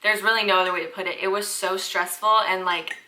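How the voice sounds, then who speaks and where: A woman's voice: medium pitch, steady tone, quick pace, pushed and bright, low-quality recording. A young woman, chatting casually to camera as a parenting vlogger, filling her talk with "like". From Southern United States. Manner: chatty, fills talk with "like" and "freaking".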